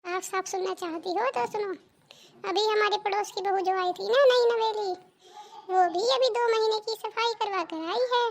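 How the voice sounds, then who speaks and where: A very high, piping cartoon voice of a meddling neighbor auntie, voiced by a woman. She drops hints and insinuations, stirring up suspicion in a needling tone. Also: fairly even intonation, moderate pace, slight background noise. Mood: insinuating. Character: scheming gossipy older neighbor woman. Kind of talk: cartoon dubbing.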